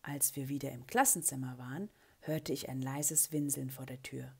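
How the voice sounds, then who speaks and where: A woman reading a children's story aloud, with a breathy voice and an expressive way of giving the characters their lines. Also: a bass voice, normal speed. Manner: expressive, lively character voicing in quotes. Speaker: children's book reader.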